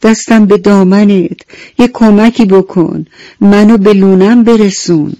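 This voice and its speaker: A woman's voice: mid-range voice, mellow, no room sound, pitched above the performer's own voice, lightly acted. A woman voicing a selfish little male beetle in a children's radio bedtime story, speaking in a raised, pleading tone.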